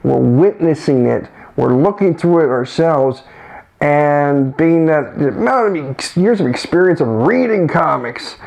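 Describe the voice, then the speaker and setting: Gravelly-voiced man hosting a casual chat. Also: on the high side, animated, measured pace, darkish tone, low-quality recording. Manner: rambling, restarts often. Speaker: co-host.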